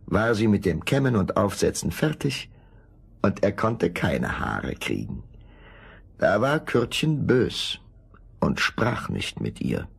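A man narrating a fairy tale in an expressive storytelling style. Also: deep voice, gravelly, husky.

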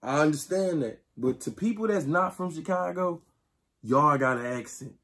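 Slangy excitable young man reacting. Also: on the high side, moderate pace. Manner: slangy, excitable, keeps asking "you feel me". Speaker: reaction video host. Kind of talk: casual reaction commentary.

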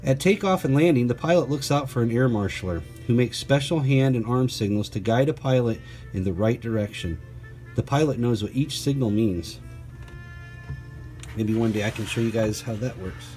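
With a medium-pitched, dark-toned voice, a man plays teacher while reading a picture book to children, breaking off to ask them questions and make conversational remarks. Soft music plays in the background.

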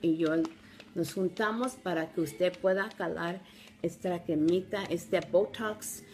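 A middle-aged woman with gives a casual, halting step-by-step product demo, recorded on a phone at arm's length at home. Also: on the low side, darkish tone, slight background noise. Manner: halting, simple step-by-step instruction. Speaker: product demonstrator. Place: small room at home, indoors.

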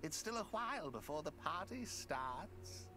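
An actor playing a prim, scolding gatekeeper in a video game. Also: male voice, fairly high pitch, sing-song, unhurried, music in the background. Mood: fussy, scolding. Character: fussy, scolding gatekeeper refusing entry to a party. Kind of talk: scripted game dialogue.

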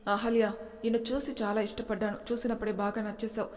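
A woman's voice: on the high side, flat delivery, fast talker, lightly acted. A woman reading as a threatening scheming boss. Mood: menacing. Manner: menacing, taunting. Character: scheming wealthy male boss, predatory and threatening. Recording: long reverb.

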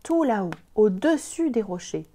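Here is a brave, cheerful young girl from a storybook, voiced by a woman reading aloud, steady and encouraging. Her tone is mellow and warm, and she nudges her friends along rather than scolding them. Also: medium pitch, normal speed.

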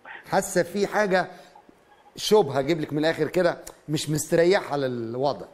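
A man's voice: fairly high pitch, a little fast, darkish tone. A middle-aged man with an Egyptian accent, hosting a call-in show in a conversational, questioning way. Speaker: TV call-in host interpreting dreams. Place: TV studio.

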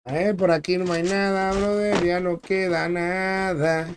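High-voiced man chatting over game noise. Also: fairly even intonation, moderate pace. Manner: chatty, greets viewers by name, slangy. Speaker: gaming streamer. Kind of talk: casual live-stream chat while gaming. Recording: clear background noise with clicks.

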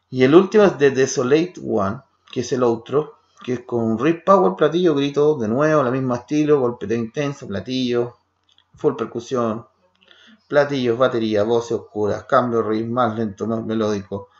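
A man's voice: mid-range voice, a little mellow. A man from Chile with a Chilean Spanish accent reviews a metal album casually, firing off short descriptive fragments with frequent restarts. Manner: rattles off terse fragments while listening, with restarts. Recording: roomy, dull lo-fi home recording.

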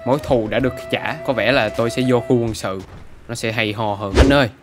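A male gaming YouTuber in casual commentary, playful and boastful, tossing teasing trash talk at in-game characters. His pitch is mid-range, and clear background music plays throughout. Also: fairly even intonation, a little fast.

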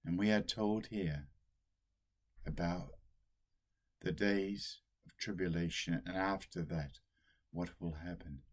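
Recorded through a webcam in a small home room, an older man with a deep voice preaches a solemn sermon. As a priest, he speaks at a slow, deliberate pace.

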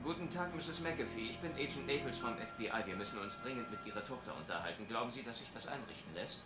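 Actor as smooth, menacing fake agent in echoey room. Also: male voice, medium pitch, animated, fast, loud music behind the voice, close to an everyday voice. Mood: falsely polite. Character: menacing bald male villain posing as federal agent. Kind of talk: dubbed film thriller acting.

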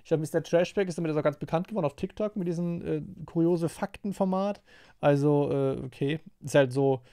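Gravelly-voiced male streamer, dry sound. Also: on the high side, dark tone, dry recording. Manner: rambling, filler-heavy, quick to react. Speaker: streamer reacting to a video. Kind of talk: casual reaction commentary.

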